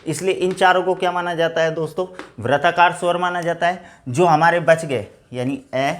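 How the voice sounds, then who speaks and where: A male teacher giving an exam-prep grammar lesson, asking rhetorical questions and answering them himself in a lower voice, often calling his students friends. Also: steady tone, normal speed. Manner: drops to a lower, quieter voice on each answer.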